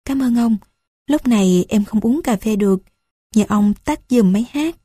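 A woman voicing a young girl who is gentle, earnest and teasing in a calm, soft-spoken way. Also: a little high, normal speed, breathy edge, dry recording, studio quality.

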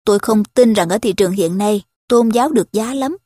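A woman reading the part of a wealthy young gentleman who teases with dry irony in a spoken story. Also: mid-range voice, a little fast, no echo, lightly acted. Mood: mocking.

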